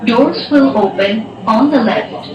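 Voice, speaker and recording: A woman giving slow, formal prerecorded station announcements over a metro train's PA loudspeaker. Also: fairly high pitch, animated, lo-fi sound, a crowd in the background. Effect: heard over a train PA loudspeaker. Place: inside a moving metro train carriage. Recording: echoey, distant, loud train noise.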